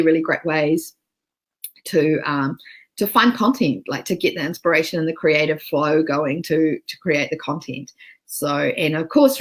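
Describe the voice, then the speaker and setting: A woman's voice: sits low, husky, poor audio. A woman with a New Zealand accent giving a chatty live-streamed business training from home, with frequent ums and restarts. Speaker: business coach. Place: home, cat nearby.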